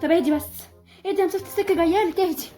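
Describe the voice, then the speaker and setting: An Egyptian woman performs a comic skit, talking frantically to herself. Her voice is very high and fast-paced, with loud music running underneath. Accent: Egyptian Arabic. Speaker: comedy sketch creator.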